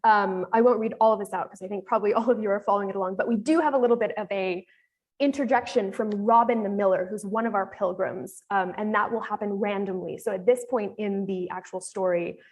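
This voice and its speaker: A woman's voice: mid-range voice, steady tone, a little fast, a little mellow. A woman with an American accent giving a casual, explanatory live demo presentation on a panel, talking with frequent fillers.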